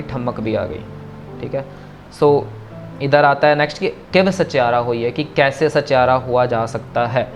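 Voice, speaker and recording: A man teaching verse pronunciation in an online class, patiently repeating corrections and chanting lines slowly. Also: mid-range voice. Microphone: video call.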